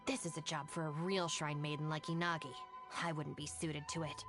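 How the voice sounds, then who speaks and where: A woman's voice: lowish voice, close to an everyday voice. A woman playing a reserved, practical young anime game character who speaks in a matter-of-fact, polite, composed way. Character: reserved young masked woman, former shrine maiden, dryly practical. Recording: background music under the voice.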